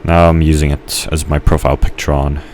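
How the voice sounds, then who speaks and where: Very deep-voiced man rambling over a game. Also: flat delivery, a little fast, a little mellow, a little hiss or hum. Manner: rambling, hesitant, full of fillers and restarts. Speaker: gamer narrating his gameplay. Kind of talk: casual rambling commentary.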